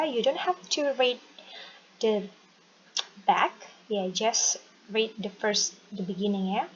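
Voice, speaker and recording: A woman English teacher with an Indonesian accent, explaining a lesson and modeling phrases slowly for students to repeat. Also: on the high side. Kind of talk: recorded classroom lesson. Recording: dull lo-fi recording with faint noise.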